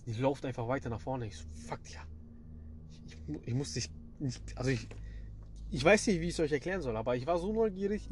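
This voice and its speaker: A man's voice: medium pitch, darkish tone. Young man telling a slangy horror story. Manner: slangy, addresses listeners directly. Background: background music.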